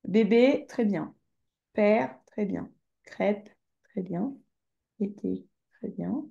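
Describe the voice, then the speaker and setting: A woman tutoring French one-to-one, going through a dictation word by word and patiently repeating words slowly. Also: mid-range voice, vocal fry, dark tone, dull audio. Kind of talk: online one-to-one dictation lesson.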